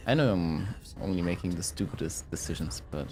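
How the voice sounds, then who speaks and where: Very low-voiced man, musing gamer. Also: animated, a little fast, music in the background. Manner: musing, thinking aloud. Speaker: gamer playing through a story game. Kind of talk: casual gameplay commentary.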